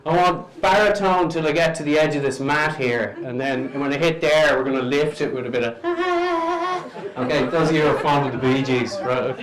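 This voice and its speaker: A man's voice: fairly high pitch, fairly even intonation, normal speed. An Irish man telling comic folk tales live to an audience, with a playful, lilting manner. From Ireland. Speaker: storyteller and folklorist. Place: indoor live venue with an audience. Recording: echoey room with crowd noise.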